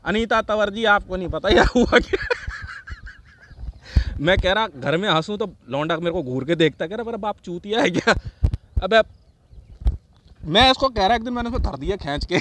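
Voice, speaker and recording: Animated, laughing man telling a story. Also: high voice, a little hiss or hum. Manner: laughs often, heavy swearing, quotes neighbours. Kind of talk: casual profane storytelling.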